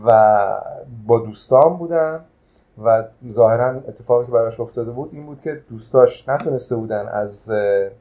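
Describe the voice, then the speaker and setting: Man, hotel manager, casual storytelling, hesitant, lots of fillers, mellow tone. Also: fairly low pitch, poor audio. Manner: hesitant, with many drawn-out filler sounds. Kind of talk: casual telling of a travel memory.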